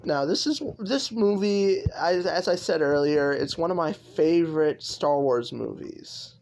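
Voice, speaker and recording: A man's voice: a little high, a little slow, darkish tone, a little hiss or hum, poor audio. A young man giving casual, rambling commentary over gameplay as a YouTuber, full of fillers and restarts. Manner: rambling, lots of likes and restarts. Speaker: gaming YouTuber.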